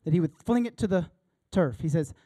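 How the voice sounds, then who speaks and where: Emphatic male preacher, impassioned, slightly high pitch, dry close sound. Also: animated, fairly quick, no room sound. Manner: emphatic, impassioned, often loud. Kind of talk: sermon.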